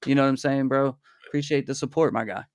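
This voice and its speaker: A man's voice: medium pitch, fast talker, dry recording, clean studio sound. Laid-back slangy young male host. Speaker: podcast host. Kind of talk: casual livestream chat.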